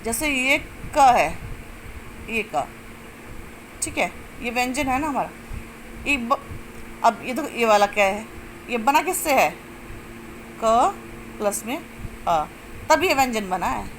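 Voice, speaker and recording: A woman teaching a grammar lesson step by step, asking questions and answering them herself, and drawing out sounds slowly to show them. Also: fairly high pitch, animated, fairly bright tone, slight background noise, rough recording. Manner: explains step by step, asks and answers own questions. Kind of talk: classroom-style lesson.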